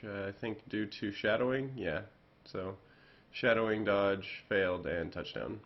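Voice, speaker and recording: Low-voiced man commentating a game. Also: a little slow. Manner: rambling, self-correcting with fillers. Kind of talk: casual play-by-play commentary. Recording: dull lo-fi audio.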